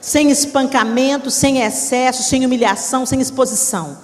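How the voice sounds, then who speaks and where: A middle-aged woman preacher, telling a story in a sermon with lively, dramatic delivery and acted-out voices. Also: high voice, normal speed. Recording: echoey hall reverb.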